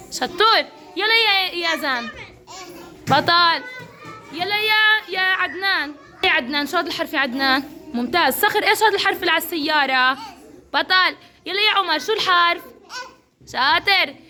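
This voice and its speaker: A woman speaks with a Levantine Arabic accent in a very high, bright voice. She runs a kindergarten classroom, coaxing and praising each child in turn by name. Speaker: kindergarten teacher. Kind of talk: classroom instruction.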